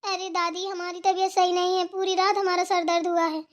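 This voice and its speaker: A woman's voice: very high-pitched, flat delivery, a little fast. A woman voicing a lazy, spoiled young daughter-in-law who talks in a whiny, defiant way.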